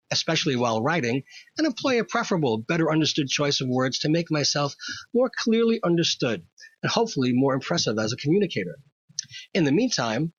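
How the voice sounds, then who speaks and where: A man's voice: on the high side, fairly bright tone, husky, dry recording, muffled recording. A man hosting a scripted opinion monologue, wry, wordy and pedantic. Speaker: host.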